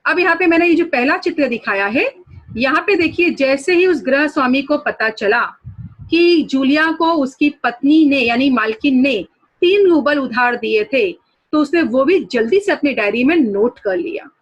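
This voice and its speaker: High-voiced woman teacher explaining a story. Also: expressive, normal speed, lo-fi sound. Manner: explanatory, reads passages then explains words. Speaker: school teacher. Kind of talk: online Hindi lesson, reading and explaining a story.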